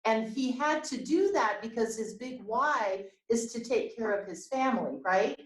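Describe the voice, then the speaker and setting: Higher-voiced woman coach, roomy sound. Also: lively intonation, a little slow. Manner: explaining, checks in with questions. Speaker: business coach, host. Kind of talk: coaching interview over video call.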